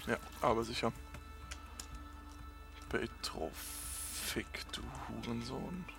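A man's voice: mid-range voice, takes it slowly, vocal fry. Gamer guy muttering and swearing at the game, medium voice, faint music behind. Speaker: let's player. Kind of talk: casual gameplay commentary.

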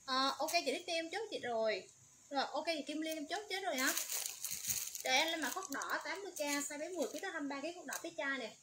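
A woman hosts a livestream sale, talking at a brisk clip in a high voice. She repeats codes and prices in a steady sales patter. Loud background noise and crinkling packaging sit under her voice. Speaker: livestream seller.

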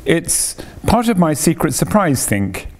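A man's voice: on the high side, unhurried, pitched above the performer's own voice. A man putting on an eager little cave girl. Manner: earnest, excited childish pleading.

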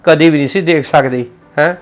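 Sulky husband, quick talker, slightly high voice. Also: male voice, soft background music. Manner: sulky, complaining. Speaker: husband in a comedy sketch. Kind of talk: Punjabi family comedy sketch.

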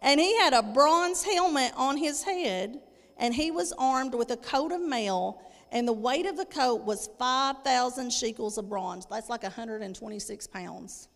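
Speaking into a handheld microphone at a church lectern, this thirty-something preacher reads scripture and expounds on it forcefully, repeating key phrases. Her slightly high voice is animated and measured, and the hall's long reverb makes it echo.

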